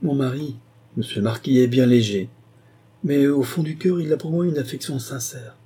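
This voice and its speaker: Scheming young governess, measured and pointed; a man reads her, husky and mellow. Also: medium pitch, voice pushed up, lightly acted. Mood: insistent. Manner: measured, pointed, deliberately detaching words. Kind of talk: audiobook character reading.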